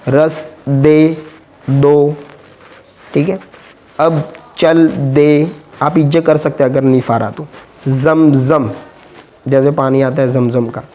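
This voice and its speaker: A man teaching Urdu reading, patiently sounding out letters and syllables one at a time in a slow, spelled-out lesson. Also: mid-range voice, a little mellow, a little hiss or hum.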